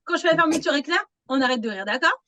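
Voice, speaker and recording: A woman's voice: high-pitched, expressive, rapid-fire, bright, forceful tone, poor audio. A woman leading a laughter yoga group, playful and coaxing, often breaking into laughter herself.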